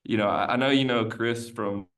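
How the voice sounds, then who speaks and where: Speaking at normal speed with a mid-range voice and fairly even intonation, an American man appears as a guest on a casual podcast interview. He rambles through a long story, frequently doubling back and restarting sentences.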